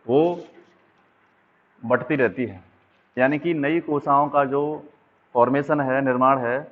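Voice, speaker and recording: Speaking at an unhurried pace with medium pitch, this male teacher walks through exam-prep biology. He sketches diagrams as he explains and keeps pausing to check in, all over thin, phone-like sound.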